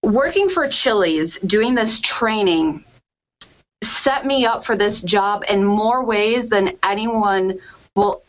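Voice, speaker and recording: A woman's voice: mid-range voice, a bit bright, poor audio. A woman in her thirties from Connecticut, a TV meteorologist chatting as a guest on a show and laughing often as she acts out her own past thoughts. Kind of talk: casual interview chat.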